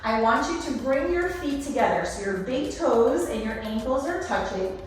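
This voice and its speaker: A woman with a fairly high voice teaches a Pilates class as an aerobics instructor. She gives encouraging cues and counts down each set. She sounds some way from the mic in a strongly echoing room. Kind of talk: aerobics instructor cueing and counting through a workout. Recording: echoey room, distant, music behind.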